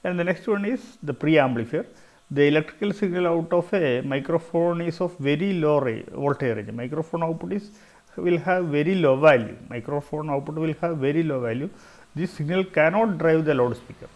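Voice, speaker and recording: A middle-aged engineering lecturer with a South Indian Malayali accent explains slides, often repeating phrases for emphasis. His voice sits on the high side, with a darkish tone and a moderate pace.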